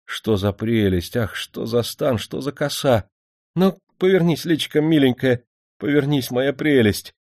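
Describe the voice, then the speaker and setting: A man's voice: medium pitch, animated, unhurried, a little mellow, dry recording, studio quality, voice pushed up. A man voicing an impatient, lovesick young landowner who keeps exclaiming. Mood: excited. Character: boisterous young male landowner, lovesick and spoiled. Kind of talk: audiobook character voice.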